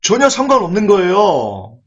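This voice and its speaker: A man preaching a sermon in an animated, rhetorical way, acting out quoted voices as he goes. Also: high voice, normal speed. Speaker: pastor. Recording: dull lo-fi recording.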